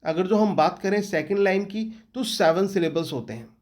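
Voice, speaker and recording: A man's voice: sits high, normal speed, a little mellow. A man with an Indian accent who teaches English literature, giving an exam-prep lecture and often repeating questions back to his students.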